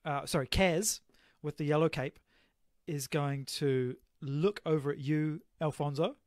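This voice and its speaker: A man running a tabletop game as game master over a call from home, halting with many fillers. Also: fairly high pitch, no echo. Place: home bedroom. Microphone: home remote-call mic.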